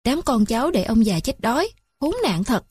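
A weary old frog elder mutters darkly in a booming grumble, played by a woman. The voice is husky and sits fairly high, with a dry, close sound. It belongs in a sad storybook fable. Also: big pitch swings, moderate pace, a little mellow, no echo. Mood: bitter.

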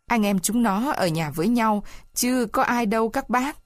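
A poor peasant wife, as a woman reader puts her on, begging through tears in a higher voice. She pleads desperately and breaks into weeping complaints. The sound is close and dry, with no room around it. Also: lively intonation, moderate pace, no echo, close to an everyday voice. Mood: tearful. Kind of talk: storybook reading.

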